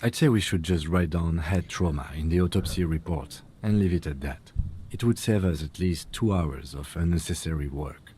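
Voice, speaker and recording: A low, mellow voice belongs to a calm and methodical police lieutenant, as a man plays him in a game. He speaks in a measured, precise, matter-of-fact way, with a faint hum of ambience behind him. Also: close to an everyday voice. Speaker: police partner. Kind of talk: game voice acting.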